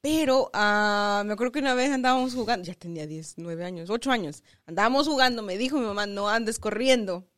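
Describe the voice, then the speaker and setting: A woman's voice: mid-range voice, fast talker, few pauses, no room sound, clean studio sound. A woman from Mexico co-hosting a casual family podcast, asking probing questions and telling childhood stories. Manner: lively, probing questions, code-switches briefly into English. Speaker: podcast co-host.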